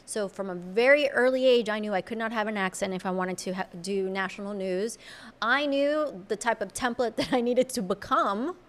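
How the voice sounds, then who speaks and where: Female podcast guest, Colombian-born Spanish native; mid-pitched, earnest, reflective, halting restarts. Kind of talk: casual conversational interview.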